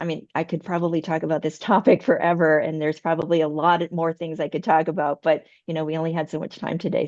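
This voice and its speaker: A woman herbalist answering questions after her conference talk, earnest and full of ums, her voice going hoarse. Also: deep voice, dry recording, highs cut off. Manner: warm, earnest, hesitant with many ums. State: losing her voice. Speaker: TCM herbalist presenter.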